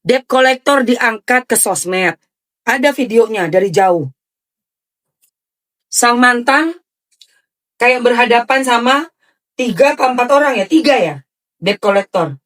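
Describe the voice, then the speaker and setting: Animated woman scolding her livestream chat. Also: fairly high pitch, measured pace, pauses often. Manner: animated, scolding, switching into Javanese phrases. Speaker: livestream host.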